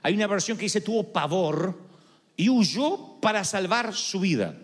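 A high-pitched man preaches a sermon, full of swooping emphasis. His voice rings out in a long reverberant hall as he tells the story dramatically, tossing in humorous asides. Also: lively intonation, unhurried.

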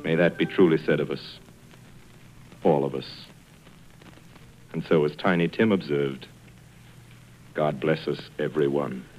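A man hosting and narrating an old radio show with a measured, stately delivery. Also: a bass voice, fairly even intonation, over music, low-quality recording. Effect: old radio show sound.

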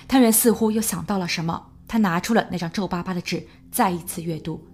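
A woman narrating a true crime podcast in a measured storytelling voice, building suspense as she goes. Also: mid-range voice, darkish tone, slight background noise. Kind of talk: scripted narration.

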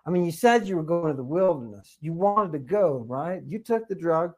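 A man with a fairly high voice talks through a podcast discussion. He is animated and peppers his points with fillers and rhetorical "right?" tags. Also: normal speed.

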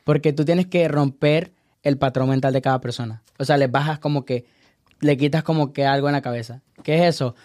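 A man giving dating advice in a casual podcast chat, animated and lecturing, often laughing as he talks. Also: mid-range voice, fairly quick, dry recording, studio quality.

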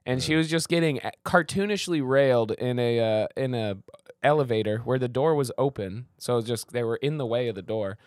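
A man's voice: medium pitch, a little fast, no room sound, clean studio sound. A man co-hosting a casual comedy podcast, telling a rambling story with restarts and trailing sentences. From Nebraska. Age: young adult or older. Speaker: podcast co-host.

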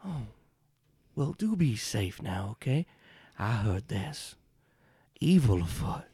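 A man voicing a jovial, falsely courteous gunslinging gentleman with folksy, exaggerated politeness in a tabletop game. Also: mid-range voice, very animated, slow pace, slightly rough, dry recording, exaggerated voice. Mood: genial, unctuous. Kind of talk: tabletop role-play.

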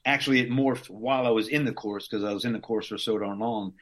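He's a middle-aged Southern Louisiana man and Green Beret veteran, speaking fast in a lowish, slightly bright voice with fairly even intonation. As an interview guest he rambles through casual stories, often restarting and chuckling.

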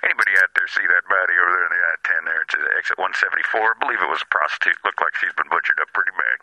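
A man playing a crude trucker on CB radio, lowish voice, fast talker, bright edge. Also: a little hiss or hum, exaggerated voice, poor audio. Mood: leering. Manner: crude trucker CB lingo, good-old-boy banter.

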